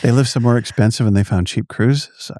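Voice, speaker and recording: Host, man, mid pitch, mellow and unhurried, casual and chatty, dry close sound. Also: dry recording. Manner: relaxed, slangy, frequent backchannel. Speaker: podcast host. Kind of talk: casual interview chat.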